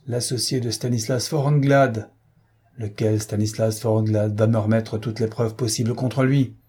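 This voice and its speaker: A raging politician bellows and sneers through a read-aloud story, put on by a man. His voice climbs sharply and grows loud in his outbursts. Underneath, the tone stays mellow and a little husky. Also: mid-range voice. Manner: blustering, shouting insults. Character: gruff furious male politician, brutal.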